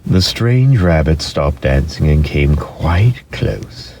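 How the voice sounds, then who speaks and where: A man giving a dramatic storybook narration in an expressive, deliberate way. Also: a bass voice, slight background noise.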